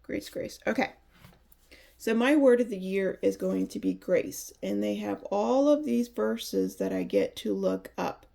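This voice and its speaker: A woman's voice: medium pitch, measured pace, gravelly, mellow. A woman giving a chatty, enthusiastic Bible review, sounding a bit nasal from allergies. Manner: chatty, enthusiastic, restarts often. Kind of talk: casual product review.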